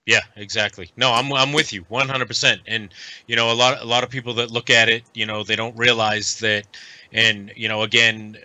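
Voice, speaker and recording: Middle-aged man from the United States, podcast guest, earnest, halting delivery, very forceful tense tone, dry close sound. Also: mid-range voice, flat delivery, dry recording. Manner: earnest, halting with frequent pauses. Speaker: guest, veteran nonprofit advocate. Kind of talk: casual podcast conversation.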